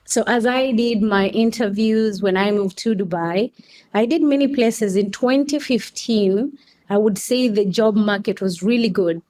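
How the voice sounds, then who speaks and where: Speaking as a podcast guest, a Kenyan woman who manages customer experience in coffee gives casual interview answers at an unhurried pace. Her mid-range voice has a darkish tone, and she often restarts and uses fillers.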